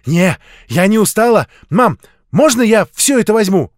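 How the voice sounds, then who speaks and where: A man voicing an excited, bossy little girl who commands the other children, in a storybook reading. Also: moderate pace, no echo, studio quality. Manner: shrill, commanding, breathless.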